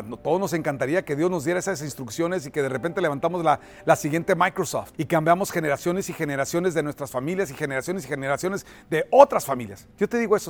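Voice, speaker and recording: A male pastor delivering an emphatic sermon in a fairly high voice. He calls the congregation to repeat his words and builds to loud, forceful climaxes. Faint music plays under his preaching.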